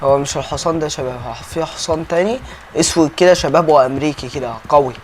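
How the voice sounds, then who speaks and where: A young man with an Egyptian Arabic accent delivers quick, casual gameplay commentary in a slightly high voice. He's chatty and keeps addressing his viewers directly, with a little hiss or hum in the background. He's a gaming YouTuber.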